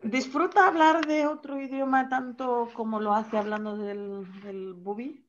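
A woman hosting an interview, asking questions with lively, quick follow-ups. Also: on the high side, a little hiss or hum. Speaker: interview host. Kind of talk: conversational interview. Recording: slightly dull sound.

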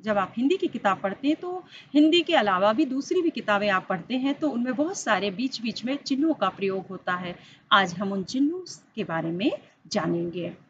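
A woman's voice: fairly bright tone, dull audio, slight background noise. A woman teacher giving an online school lesson, explaining step by step, speaking directly to the children and lifting her voice on the examples. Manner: stresses key words with rising pitch on examples. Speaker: Hindi teacher.

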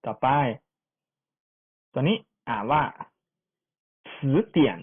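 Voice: mid-range voice, expressive, slow pace, slightly rough. A language teacher giving an online pronunciation lesson, repeating each syllable for students to copy, with chatty asides. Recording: tinny phone-like sound.

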